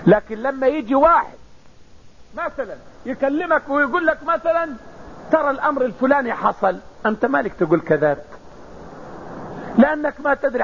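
Male preacher, very high and breathy, lesson delivery on a muffled recording. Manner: explains with everyday examples, repeats phrases. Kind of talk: religious lesson.

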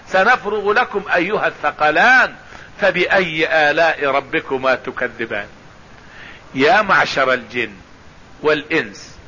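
A man's voice: high-pitched, pushed and bright, breathy edge. A man giving a Quran commentary lesson, explaining patiently, repeating phrases and reciting verses. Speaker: religious teacher. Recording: dull lo-fi radio broadcast.

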